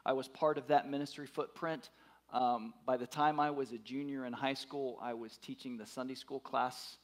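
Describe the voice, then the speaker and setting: A man's voice: medium pitch, steady tone, normal speed. A man in his fifties preaching a sermon, emphatic, repeating his words and putting questions to the congregation. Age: 50s. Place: church.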